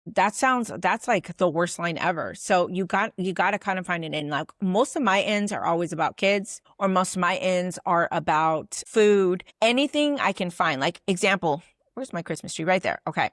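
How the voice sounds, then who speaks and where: A woman's voice: lowish voice, lively intonation, moderate pace, no room sound, studio quality. A woman business coach teaching to camera in a casual, chatty way, often filling her talk with "like.". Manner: chatty, loose, fills with "like"; acts out sample messages.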